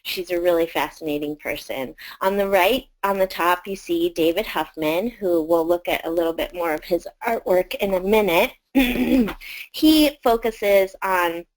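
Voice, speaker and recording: A woman's voice: lowish voice, unhurried, rough recording. A woman presenting a collection of arts education videos to teachers, in a conversational way with frequent fillers.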